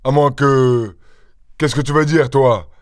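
A man voicing a brutish, angry peasant farmer in an audiobook, gruff and bullying. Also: medium pitch, slow pace, no echo, studio quality, close to an everyday voice. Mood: uneasy. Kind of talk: audiobook character voice.

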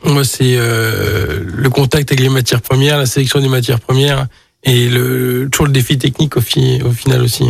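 A man, an artisan butcher, answering casually in a radio interview in a halting way, repeating words as he goes. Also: mid-range voice, steady tone, vocal fry, no room sound, studio quality.

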